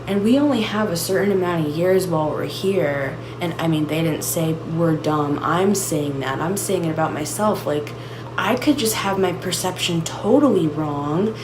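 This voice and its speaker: A woman's voice: lowish voice, moderate pace. A woman hosting her own channel, musing aloud in a searching, reflective solo monologue full of restarts and "like"s. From United States. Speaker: channel host. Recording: audible background noise.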